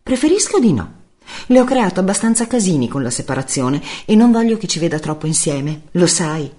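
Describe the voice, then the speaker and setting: A man reading an audiobook, voicing a quarrelsome, sharp-tongued divorced mother who scolds and snaps. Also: high voice, very animated, brisk, voice pushed up. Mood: irritated. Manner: scolding, snapping, shouts when angry.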